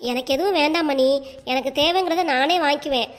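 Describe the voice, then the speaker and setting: A woman's voice: high-pitched, fast, close to an everyday voice. A woman voicing a caring female friend in a Tamil cartoon, talking in a soothing, coaxing way.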